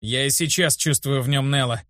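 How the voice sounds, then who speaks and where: A man's voice: mid-range voice, normal speed, pushed and bright, no echo, clean studio sound, close to an everyday voice. A man voicing an earnest, insistent teenage boy, an apprentice druid.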